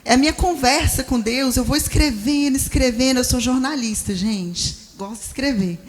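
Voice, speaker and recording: A Brazilian woman pastor preaching a sermon at a women's conference, expressive and animated, acting out quoted voices. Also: high voice, normal speed, a little hiss or hum. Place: church conference stage.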